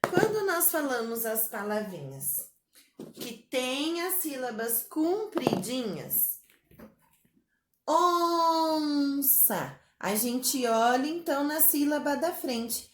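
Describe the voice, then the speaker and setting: A primary school teacher with a Brazilian Portuguese accent teaches small children a spelling rule, speaking very slowly in a rather high, sing-song voice packed with diminutives. She is very animated, her voice rings through an echoey room, and the background is noisy.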